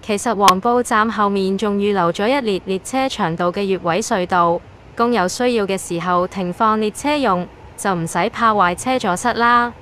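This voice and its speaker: A woman's voice: mid-range voice, normal speed, fairly bright tone, a little hiss or hum. A woman with a Hong Kong accent hosting a video with scripted explainer narration.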